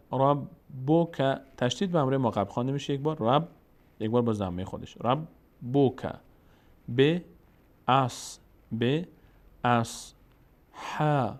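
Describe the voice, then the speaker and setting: Man teaching slow chanted Quran reading. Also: medium pitch. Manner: alternates drawn-out chanted syllables with quick spoken explanations. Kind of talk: tajweed lesson, spelling out and chanting verses slowly.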